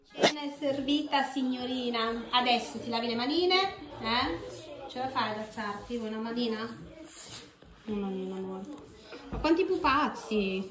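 A woman in her forties, a mother hosting a family vlog, talking in a caring, coaxing way. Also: a little high. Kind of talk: casual family vlog chat. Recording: echoey room with music behind.

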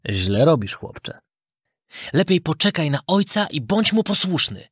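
A storyteller voicing a wise talking cricket who lectures in a calm, admonishing way. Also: mid-range voice, unhurried, slightly rough, no echo, clean studio sound, pitched above the performer's own voice. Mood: stern. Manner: preachy, admonishing.

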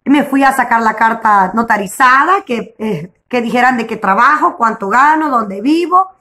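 A woman's voice: a little high, lively intonation, moderate pace, sharp tone. A young woman with a Honduran accent, chatting outdoors as a vlogger, retelling her day in a casual storytelling way with frequent religious exclamations. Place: outdoors in a breeze.

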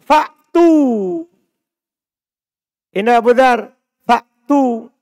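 A man's voice: very high-pitched, drawn-out words, darkish tone, clean tone, dry recording, studio quality. A man teaching an Arabic grammar reading class, quizzing students by name and explaining patiently. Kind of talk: classroom text-reading lesson. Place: mosque study circle.

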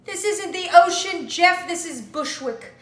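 A dry, fed-up young woman who answers in a deadpan, dismissive way, played by a woman in a comedy sketch. Her voice is high and bright. The room gives it a noticeable echo. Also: unhurried. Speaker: actor.

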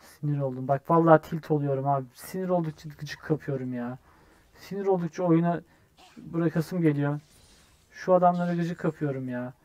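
A young man talks through his match live, his voice sitting a bit high for a man. He flips between muttering and excited shouting at his teammates, and swears when frustrated. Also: a little fast. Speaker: gamer streamer. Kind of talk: live gameplay commentary.

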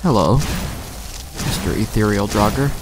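Against a noisy background and faint game music, a let's play host speaks slowly in a voice on the low side with big pitch swings. His gameplay commentary is casual and rambling, full of thinking aloud and a bit of mild swearing.

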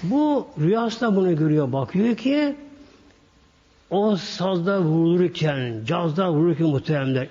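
A man delivers a sermon to his congregation and acts out the voices in the story as he tells it. His voice is husky and sits a little high. The recording is dull and lo-fi, with long reverb from a hall. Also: a little mellow. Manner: addresses congregation, acts out quoted dialogue. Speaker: preacher.

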